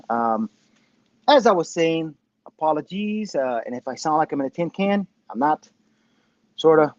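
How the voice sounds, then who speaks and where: A man in his fifties whose voice comes through tinny and muffled, as if from inside a tin can, over a phone mic with the room sounding dead and dry. He rambles loosely, pokes fun at himself and swears freely. His fairly high voice swoops up and down a lot. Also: no room sound. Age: 50s. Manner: rambling, self-mocking, swears casually. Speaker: live-stream show host. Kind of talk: casual live-stream commentary. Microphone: phone with Bluetooth headphones.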